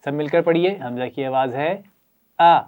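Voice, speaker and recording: A man with a Pakistani Urdu accent leads a children's Quran reading lesson. He keeps up steady praise and has the class repeat letters after him. His voice is dark and mellow. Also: on the high side. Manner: encouraging, praises often and leads repetition.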